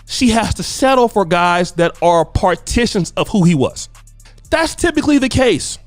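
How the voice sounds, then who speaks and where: A man's voice: high voice, no echo. A man giving opinionated celebrity gossip commentary in a smug, sarcastic way, punctuated with rhetorical questions. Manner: often adds tag questions like right and okay. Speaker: online commentary host.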